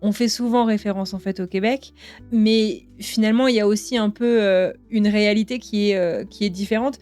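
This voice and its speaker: A woman's voice: medium pitch, steady tone, moderate pace, a little mellow, soft background music. A woman from France hosting an interview podcast, chatting casually with frequent fillers and easy laughter. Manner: laughs often, many fillers. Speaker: podcast host.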